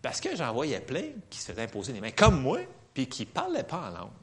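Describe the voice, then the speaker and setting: A man with a Quebec French accent preaching in church, telling a personal testimony in an animated, laughing storytelling manner. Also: medium pitch, fairly quick.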